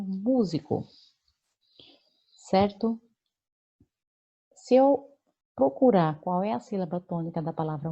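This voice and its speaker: A woman's voice: on the low side, warm tone, muffled recording. A Brazilian woman teaching a remote lesson, explaining patiently with many fillers and check-ins to her students. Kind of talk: remote lesson correcting homework.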